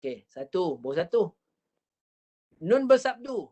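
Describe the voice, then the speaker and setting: A woman with a Malaysian accent teaching Quran recitation over a video call. She demonstrates each sound slowly and repeats it patiently. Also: lowish voice, big pitch swings, dark tone. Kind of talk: online tajwid lesson.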